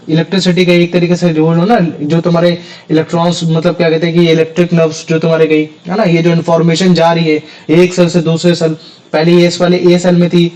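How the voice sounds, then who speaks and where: Young guy teacher, high voice, casual classroom explaining, keeps asking "what do we call it". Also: darkish tone, poor audio. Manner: repeats terms as questions to students. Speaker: science teacher.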